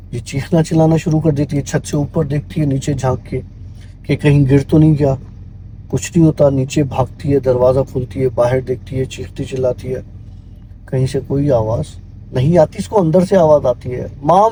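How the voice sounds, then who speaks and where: Dark-voiced male horror storyteller. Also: on the high side, a little hiss or hum, poor audio. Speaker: guest storyteller.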